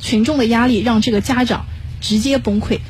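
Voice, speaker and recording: A woman tells a long story in a group chat, her voice a little high and her pace brisk. A faint hum sits behind her. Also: steady tone, darkish tone. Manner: measured storytelling.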